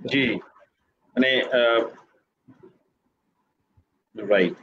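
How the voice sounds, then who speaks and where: A man's voice: medium pitch, very slow, fairly bright tone. A man moderating a live online training session, polite and hesitant with many fillers, heard over a video call. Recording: dull lo-fi call audio with faint noise.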